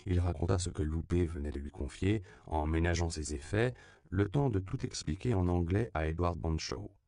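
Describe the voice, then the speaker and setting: Deep, dry male audiobook narrator, measured delivery. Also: vocal fry, mellow, clear, resonant tone, no room sound. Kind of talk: scripted narration.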